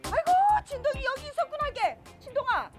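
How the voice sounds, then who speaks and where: A woman's voice: extremely high pitch, big pitch swings, quick pace, a bit bright, faint music behind, heavily acted. An actress in a sitcom playing a fussy middle-aged woman with a Jeju accent, constantly sighing and calling out. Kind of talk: sitcom acting in Jeju dialect.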